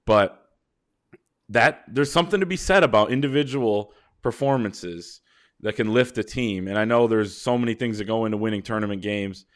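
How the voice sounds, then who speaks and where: Low-voiced man breaking down college hoops. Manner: measured, builds long points with fillers. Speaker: sports podcast host. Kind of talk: casual sports analysis chat.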